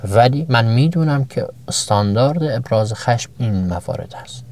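With a medium-pitched, animated, darkish voice, a man gives his listeners a motivational talk on self-knowledge. He asks many rhetorical questions, piles up examples, and often jumps upward in pitch for emphasis.

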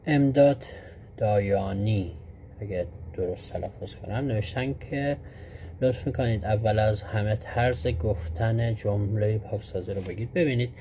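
Low-voiced man hosting a live stream. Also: warm tone, slight background noise. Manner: greets viewers one by one, slow and drawn out; explains patiently with frequent fillers. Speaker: live stream host answering viewer questions. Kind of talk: casual live-stream teaching.

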